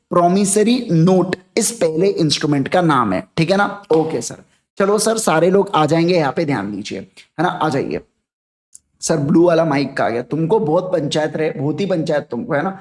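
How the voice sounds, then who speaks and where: Male teacher, higher voice, chatty live-class lecturer who quizzes students. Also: moderate pace, darkish tone. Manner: chatty, jokey, keeps asking students to repeat. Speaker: law teacher. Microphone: podcast mic.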